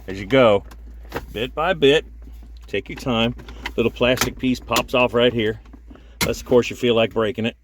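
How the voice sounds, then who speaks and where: A man hosting a casual car repair how-to, chatty and dropping deadpan jokes. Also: mid-range voice, normal speed, long pauses, a little hiss or hum. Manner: joking, chatty, deadpan asides. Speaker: DIY car repair host.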